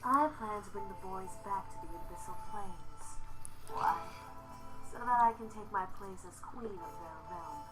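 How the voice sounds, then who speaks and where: A woman's voice: medium pitch, moderate pace, music in the background, natural voice, low-quality recording. A woman voicing a seductive, scheming female succubus demon in a game, talking down to everyone with sneering menace. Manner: condescending, taunting.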